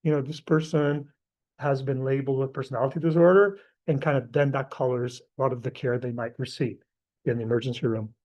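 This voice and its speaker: A man's voice: medium pitch, fairly even intonation, brisk, darkish tone, highs cut off. A middle-aged man from Portugal with a Portuguese accent gives a live class lecture in a casual, conversational way, with many fillers and asides.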